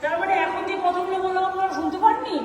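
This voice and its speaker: A woman party leader scolding and commanding her workers in a public speech. Her voice carries a heavy, booming echo from the public address system. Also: rapid-fire, a crowd in the background, noisy background. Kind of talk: public speech over a loudspeaker. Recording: loud hall reverb, voice from far off.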